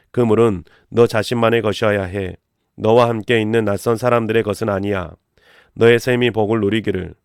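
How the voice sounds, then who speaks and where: A man reading Bible passages aloud in a steady, measured recitation on a close mic. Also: lowish voice, gravelly, clear, resonant tone, dry recording. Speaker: scripture reader.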